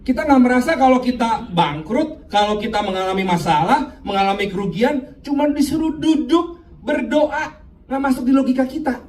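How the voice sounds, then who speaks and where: At a church men's fellowship meeting room, a man preaches a sermon that includes his personal testimony, speaking animatedly and repeatedly addressing his listeners. His voice is very high-pitched and darkish with lively intonation at normal speed, recorded from far away in an echoey room with light noise.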